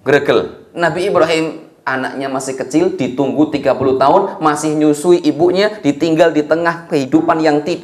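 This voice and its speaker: A man with a Javanese accent preaching a sermon, telling a story in a lively way with folksy asides to his listeners. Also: fairly high pitch. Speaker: Islamic preacher. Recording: echoey room.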